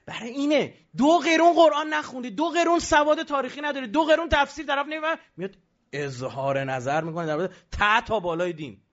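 A man giving an animated religious lecture, emphatic and rhetorical, now and then mimicking the voices of others. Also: extremely high pitch, dull audio.

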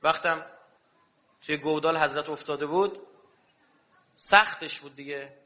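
A man's voice: on the high side, sharp tone. A man preaching a sermon with passion, throwing rhetorical questions at his audience. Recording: dull lo-fi recording.

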